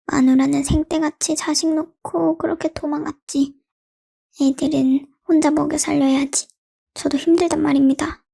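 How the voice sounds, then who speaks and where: A poor young taffy seller man, tearful and pleading, played by a woman reading aloud in a storybook. His voice stays high and mellow as he complains about his troubles. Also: level tone, normal speed, creaky.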